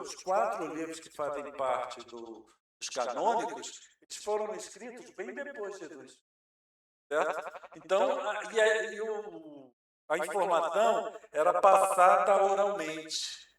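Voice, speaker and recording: A man with a Brazilian Portuguese accent giving a Spiritist lecture to an audience, explaining patiently and posing rhetorical questions he then answers. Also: high-pitched. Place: lecture hall. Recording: very echoey hall, mic far off.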